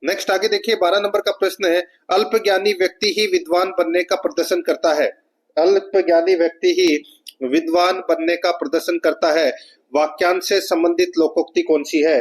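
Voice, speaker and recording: A man's voice: high voice, little pitch movement, normal speed. A man with a Rajasthani Hindi accent teaching an exam prep lesson, reading out each question and explaining the answer, often calling his viewers friends. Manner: repetitive, keeps addressing viewers as friends.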